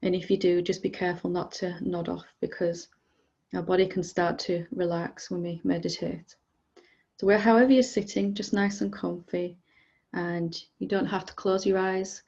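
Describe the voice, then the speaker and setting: Softly instructing her listeners, a woman leads a guided meditation as teacher, speaking gently and calmly with leisurely pauses. Her lowish voice has vocal fry, and the recording's highs are cut off.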